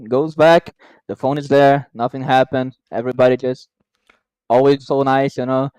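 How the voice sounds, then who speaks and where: A friendly Brazilian man co-hosts a casual podcast, chatting freely and chiming in with quick agreement. His voice is mid-pitched and recorded dry. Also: level tone, a little mellow, smooth, no echo. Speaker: podcast co-host. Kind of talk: casual interview chat.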